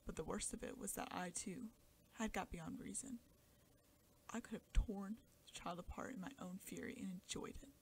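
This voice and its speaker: A woman's voice: medium pitch, normal speed, a little hiss or hum. A woman reading a classic short story aloud in an intense, often half-whispered dramatic style. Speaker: audiobook narrator. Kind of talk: scripted story narration.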